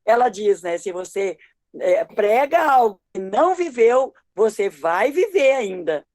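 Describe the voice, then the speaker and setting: Slightly high woman pastor, reflective. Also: sing-song, a little slow, darkish tone. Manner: reflective, hesitant with repeated words. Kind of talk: devotional group discussion.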